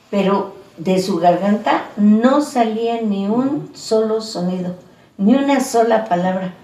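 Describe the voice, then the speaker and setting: A woman's voice: medium pitch, a little mellow. A woman telling a scary story in a casual, chatty way, full of little fillers. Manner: conversational, many fillers like "pues" and "¿no?". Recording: echoey room, voice a bit far from mic.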